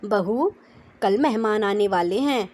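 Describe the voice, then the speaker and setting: A woman voicing a middle-aged mother-in-law who speaks in a measured, firm, kindly instructing way. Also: mid-range voice, animated, a little mellow.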